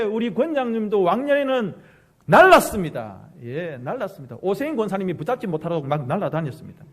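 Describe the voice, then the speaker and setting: 활기찬 경상도 억양의 남자 목사. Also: male voice, on the high side. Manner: animated, acts out harsh and gentle quoted lines. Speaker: pastor. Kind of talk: sermon. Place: church sanctuary.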